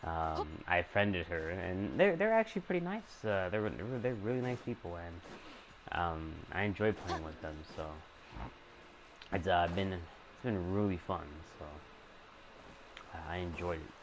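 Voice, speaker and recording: A young man chats casually while streaming a game, his voice sitting very low and quiet. He talks hesitantly, restarting sentences and filling pauses with ums and likes. A faint hum of ambience sits behind him. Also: expressive. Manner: hesitant, soft-spoken, many fillers and restarts.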